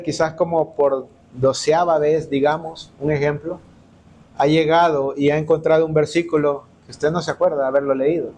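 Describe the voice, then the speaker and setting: A man's voice: on the high side, a little mellow, a little hiss or hum. A man from El Salvador preaching in church, telling personal stories and acting out the dialogue. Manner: storytelling, acts out quoted dialogue. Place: church hall.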